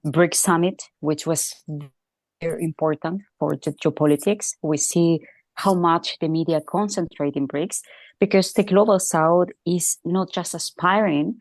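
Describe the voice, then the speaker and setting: A woman journalist from Chile giving measured panel commentary over a remote line, pausing to search for words. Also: fairly low pitch, no room sound.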